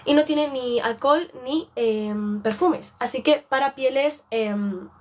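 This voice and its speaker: A woman's voice: sits high, takes it slowly. Rambling young woman with a Spanish accent. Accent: Spain Spanish. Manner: rambling, chatty, self-interrupting. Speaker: beauty streamer. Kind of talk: casual live-stream chat.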